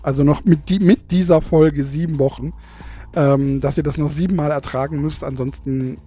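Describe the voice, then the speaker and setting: With soft music in the background, a young podcaster chats casually on his own show through a studio microphone. A gap in his teeth gives him a lisp, he laughs frequently and teases himself, and his warm, on-the-high-side voice holds a steady tone at normal speed.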